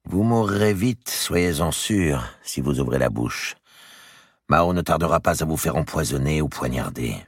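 A man's voice: extremely low pitch, expressive, unhurried, husky, no echo, studio quality, pitched above the performer's own voice, heavily acted. A man reading the part of a noblewoman who firmly and insistently persuades a grieving girl. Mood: urgent coaxing. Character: noble older woman, firm, coaxing, protective. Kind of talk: audiobook character reading.

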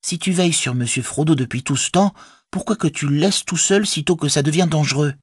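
Brief: man voicing a young hobbit woman for a storybook, high, husky, reproachful. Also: brisk, dry recording, studio quality. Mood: teasing. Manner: reproachful, teasing. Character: spirited young female hobbit, teasing. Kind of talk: audiobook reading.

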